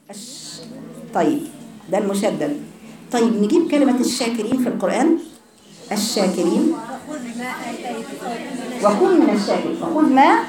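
A woman with an Egyptian accent teaching Quran recitation, correcting students and repeating sounds slowly for them. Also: on the high side, reverberant. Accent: Egyptian Arabic. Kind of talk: tajweed class instruction.

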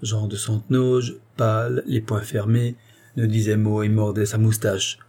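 A man reading a classic story aloud as an audiobook narrator, in a measured storytelling manner. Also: lowish voice, flat delivery, dark tone. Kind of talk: scripted narration.

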